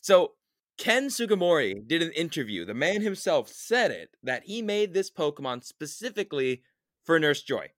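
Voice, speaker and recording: A man's voice: fairly high pitch, sing-song, normal speed, a bit bright, no room sound, clean studio sound. A man co-hosting a podcast, explaining creature trivia in an enthusiastic, rambling casual chat. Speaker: podcast co-host. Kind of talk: casual chat about monster game creatures.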